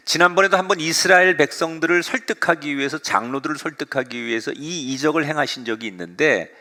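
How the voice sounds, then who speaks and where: A middle-aged male pastor preaching a sermon, retelling the story with lively, dramatic delivery. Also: a little high.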